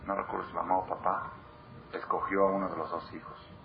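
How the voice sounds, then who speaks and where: A man's voice: low voice, little pitch movement, a little fast. A man teaching a Torah class, emphatic, repeating words for stress and putting questions to his listeners. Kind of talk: Torah class to a live audience. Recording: dull lo-fi recording with clear background noise.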